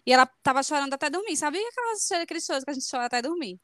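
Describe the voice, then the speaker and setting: Young woman, expressive podcast co-host, fast speech. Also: high-pitched, no echo, studio quality. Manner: expressive, gasps and reacts. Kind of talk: casual podcast chat.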